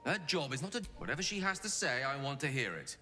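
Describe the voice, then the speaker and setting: An actor playing a proud, earnest scholarly wizard in a video game, articulate and wordy. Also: male voice, medium pitch, sing-song, fast, pushed and bright, soft background music. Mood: earnest, reflective.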